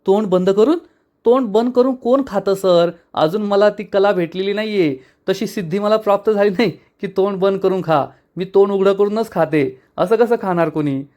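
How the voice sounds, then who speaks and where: A man voicing a chatty, cheeky young wife who teases and argues in rapid, mock-indignant bursts. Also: medium pitch, darkish tone, lightly acted. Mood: chattering, teasing.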